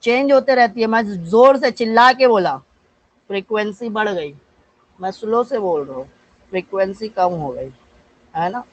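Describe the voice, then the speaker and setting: A man from India teaching physics with an Indian accent in a live online class, asking and answering his own questions, slowing down to dictate English definitions and calling on students by name. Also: high voice, expressive, highs cut off.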